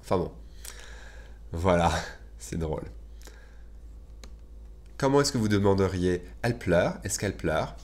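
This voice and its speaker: Teacher drilling English phrases. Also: male voice, low-pitched, expressive, measured pace, pauses often, darkish tone. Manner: conversational, many filler "euh"s. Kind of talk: bilingual English lesson in French.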